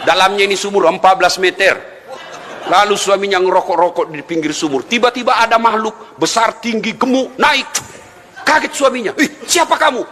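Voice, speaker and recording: Male preacher for a humorous sermon: high, bright, teasing, echoey hall. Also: normal speed. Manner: joking, teasing, with frequent laughs. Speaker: Islamic preacher. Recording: echoey hall, faint noise.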